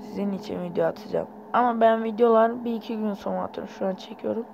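A man's voice: high-pitched, steady tone, quick pace, creaky, a little mellow, a little hiss or hum. A young man giving casual, rambling gameplay commentary while sleepy, with sudden startled outbursts. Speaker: gaming YouTuber.

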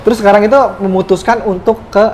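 A man hosts a relaxed chat in a slightly high voice, poking fun at his guest by repeating words and correcting them. Steady room noise is clearly audible behind him. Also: fast. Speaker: host. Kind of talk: casual interview chat.

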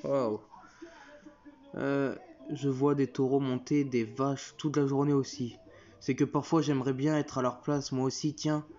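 A man's voice: mid-range voice, flat delivery, a little slow, a little mellow, natural voice. A man voicing a sheepish, dim-witted middle-aged father who whines and pleads, on a dull lo-fi recording. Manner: pleading, whiny.

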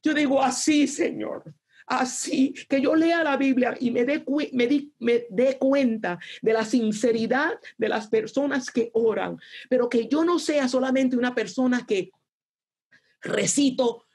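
A woman's voice: sits high, unhurried, darkish tone, breathy edge. A woman giving an earnest, conversational devotional talk, acting out prayers with many restarts.

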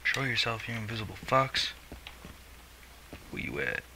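A man's voice: fairly low pitch, very animated, unhurried, gravelly, bright, forceful tone. A young man doing let's play commentary, tired and mumbling sarcastic remarks to himself. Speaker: gamer. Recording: noisy home mic recording.

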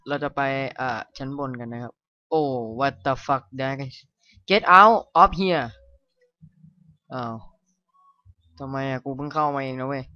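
A man's voice: mid-range voice, little pitch movement, normal speed, fairly bright tone, clear, resonant tone, no room sound. A man playing a horror game, talking casually, swearing and yelping when startled. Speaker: gamer. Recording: dull lo-fi mic with game music. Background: game music.

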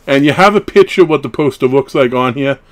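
This thirty-something horror collectibles vlogger talks fast in a mid-range voice as he unboxes items, rambling and breaking into asides. He's indoors in a small wood-panelled room at his home.

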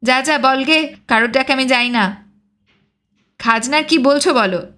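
A woman's voice: sits high, a little slow, sharp tone. A woman voicing a proud, hot-tempered village blacksmith who scolds indignantly in a storybook reading. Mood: angry.

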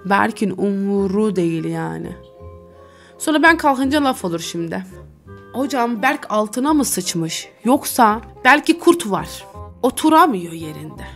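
A woman's voice: mid-range voice, sing-song, unhurried, a bit bright, faint music behind. A woman streamer giving casual, teasing commentary over a role-play game, often breaking into giggles. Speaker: gaming streamer.

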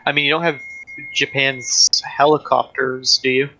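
A man's voice: mid-range voice, normal speed, rough recording. A man playing a tank game with a friend on stream, talking in a hesitant, casual way with many fillers. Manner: hesitant, lots of ums and restarts, flat delivery. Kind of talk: casual gaming chat.

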